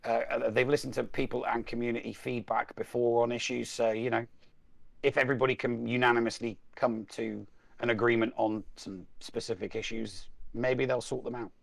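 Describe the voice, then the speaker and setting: A man's voice: mid-range voice, little pitch movement, a little fast, vocal fry, no room sound. A man in casual chat as a guest, rambling and repeating words as he searches for them.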